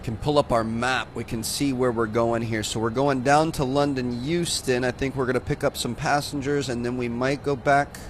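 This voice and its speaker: A man's voice: mid-range voice, fairly even intonation, moderate pace, few pauses, slight background noise. A young man hosting a gaming channel, giving laid-back, chatty commentary while he plays and often saying "dude". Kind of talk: casual gameplay commentary.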